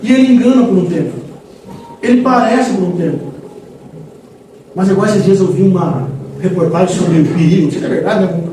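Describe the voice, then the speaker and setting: A man preaches with lively energy, slipping into voices of God and the faithful as he makes his points. His voice sits high for a man. The sound is roomy and distant, with steady noise under it. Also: a little fast, pauses often. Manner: animated, acting out dialogues with God and churchgoers. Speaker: pastor. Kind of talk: sermon. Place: church. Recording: echoey church hall from far off with background noise.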